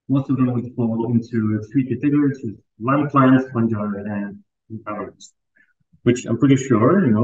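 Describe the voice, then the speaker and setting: A man in his thirties from Palestine, a research group leader, gives an academic seminar to students and postdocs in a lecture room. He talks loosely and conversationally, with frequent fillers and restarts, in a medium-pitched voice. The sound is lo-fi.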